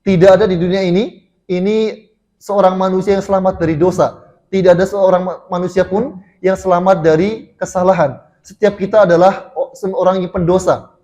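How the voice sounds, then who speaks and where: A high-pitched Indonesian man delivers a sermon in a mosque. He tells a story to the congregation, restarting phrases and filling pauses as he goes. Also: little pitch movement, dark tone. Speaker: preacher.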